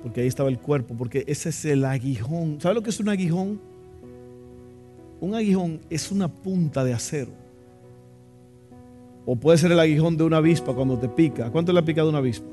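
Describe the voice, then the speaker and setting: A man's voice: on the high side, expressive, fairly quick, long pauses, warm tone, faint music behind. A man preaching a sermon in a church, impassioned and asking the congregation questions. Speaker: pastor.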